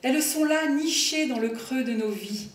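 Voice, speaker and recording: A woman performing poems in a slow, expressive recitation, sometimes singing them, at an evening event. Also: high voice. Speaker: poetry performer. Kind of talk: poetry recital with piano. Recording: echoey hall from far off, piano behind.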